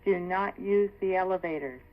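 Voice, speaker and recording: A woman's recorded emergency announcement played over a PA loudspeaker, formal and measured, giving instructions. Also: lowish voice, recorded from a distance, highs cut off. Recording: echoey loudspeaker heard from afar, noisy.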